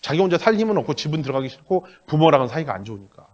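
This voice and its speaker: A man's voice: a little high, racing. A middle-aged male pastor giving a sermon, telling stories in a blunt, colloquial way and acting out the dialogue. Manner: animated storytelling with acted-out dialogue. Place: church sanctuary.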